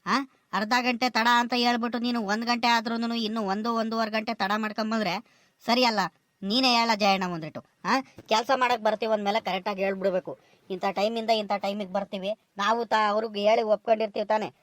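A woman's voice: a little high, fairly even intonation, no room sound, close to an everyday voice. A woman doing a bossy village foreman. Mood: scolding. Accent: rural southern Karnataka Kannada. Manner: brisk, scolding and bossy. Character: impatient male farm foreman scolding a late worker. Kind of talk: village comedy cartoon dialogue.

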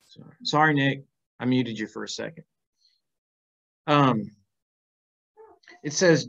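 In a mid-range, slightly bright voice, a middle-aged man reads aloud and comments conversationally during an informal Bible class over video call, asking the class questions. He's in a small plain room indoors, and his computer mic produces dull, lo-fi call audio.

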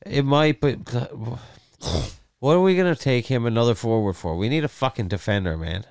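A man's voice: medium pitch, animated, fairly quick, darkish tone, clean tone, no echo, clean studio sound. A man co-hosting a casual sports podcast, blunt and opinionated, swearing casually. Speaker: podcast co-host.

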